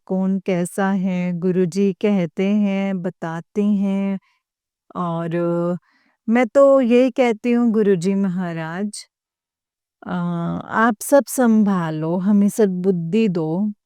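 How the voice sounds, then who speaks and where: A middle-aged woman giving a devotional talk to followers. She speaks slowly and earnestly, with frequent pauses and fillers, and keeps addressing her listeners. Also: mid-range voice, dark tone, smooth, no room sound, studio quality. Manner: slow, halting, with many pauses and fillers. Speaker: devotee sharing experiences with followers.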